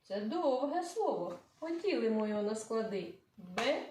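A woman teacher giving a children's lesson, slowly drawing words out syllable by syllable in a sing-song way. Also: a little high, sing-song, far from the mic. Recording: echoey room, voice off-mic with faint noise.

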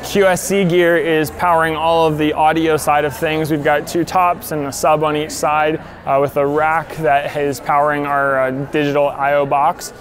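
A young man giving an excited walkthrough of a live production setup in a large gym hall, recorded on a camera mic. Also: on the high side, normal speed, few pauses, soft background music. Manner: excited, rambling tour talk. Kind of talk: on-site walkthrough.

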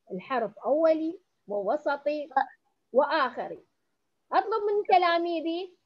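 Iraqi supervisor, woman, high-pitched, models a lesson for teachers while coaxing pupils along; dull lo-fi recording. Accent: Iraqi Arabic. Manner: coaxing pupils with endearments, sounding out syllables. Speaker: educational supervisor.

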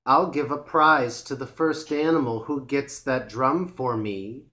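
A man's voice: medium pitch, unhurried, sharp tone. A man voicing an eager male sky god in a storybook reading, speaking in a raised, keen tone. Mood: coaxing.

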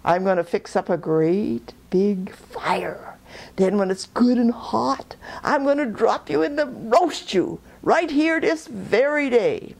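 A woman's voice: fairly high pitch, lively intonation, slow, creaky, a little mellow, exaggerated voice. A woman voicing a scheming male fox villain in a storybook tale, gloating over threats.

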